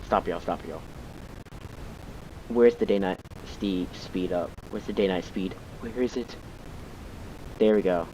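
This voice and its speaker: A man's voice: low voice, a little slow, pauses often, mellow. A man commentating casually over horror gameplay as an easily spooked streamer, rambling in slang to his viewers over very noisy sound with car hum. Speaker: gaming streamer.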